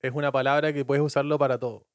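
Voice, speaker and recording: A man's voice: medium pitch, flat delivery, fast, dry recording. A man in his twenties with a Chilean accent, a guest explaining slang in casual chat with playful examples. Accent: Chilean Spanish. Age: 20s.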